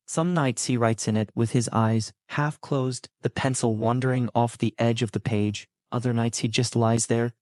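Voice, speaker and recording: Low calm guy reading a sleep story, slow and easy, dry mic. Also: dry recording. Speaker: narrator.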